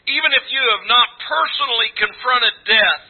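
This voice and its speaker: A man in his sixties preaching a sermon to a congregation, earnest and emphatic, with a husky, rough-edged voice. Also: very high voice, moderate pace. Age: 60s. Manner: earnest, emphatic, exhorting with repeated phrases. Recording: thin, phone-like band-limited sound.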